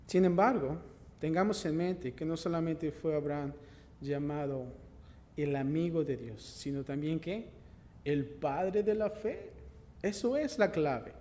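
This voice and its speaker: A male pastor's slightly high voice fills a big-sounding church sanctuary as he reads scripture and preaches. He rises to loud passages, then falls back to soft ones, and asks the congregation rhetorical questions.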